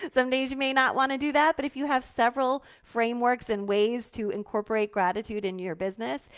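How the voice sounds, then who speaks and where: A woman's voice: mid-range voice, clear, resonant tone. A woman hosting a live-streamed coaching talk for business owners, chatty and heartfelt, with many fillers. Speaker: host.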